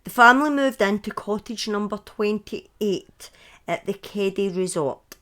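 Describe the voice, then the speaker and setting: Speaking at a measured pace in a mid-range, fairly bright voice, a woman in her thirties with a Scottish accent casually tells true crime stories on a live stream. She keeps interrupting herself with chatty asides and corrections.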